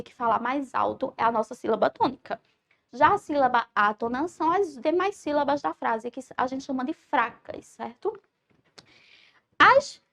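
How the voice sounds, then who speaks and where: A woman teacher with a Brazilian Portuguese accent giving a recorded grammar lesson, explaining step by step and checking in with her students. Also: high voice. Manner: clear explanatory delivery, checks with "certo?".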